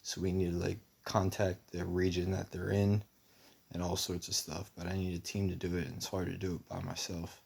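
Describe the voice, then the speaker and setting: A young man with a very low, gravelly voice talks in a rambling personal monologue. His delivery stays flat and monotone, and his voice sounds slightly husky. He meanders, full of fillers and restarts. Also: normal speed. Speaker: vlogger.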